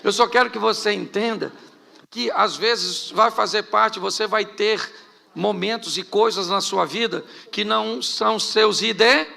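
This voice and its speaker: A middle-aged pastor from Rio de Janeiro, Brazil, with a Carioca Portuguese accent, preaches a humorous live sermon in a church hall, telling jokey stories and tossing rhetorical questions at the congregation. His voice sits high, gravelly, pushed and bright, and he's unhurried.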